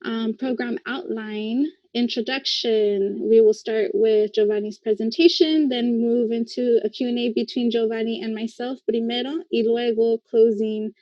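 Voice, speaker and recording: A woman hosts an online talk in a level, unvarying voice. She sits a little higher than most, and her words come through dry over muffled video call audio. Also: fairly even intonation, dry recording. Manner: measured, mixes in Spanish words. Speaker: event host. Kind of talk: reading an introduction on a video call.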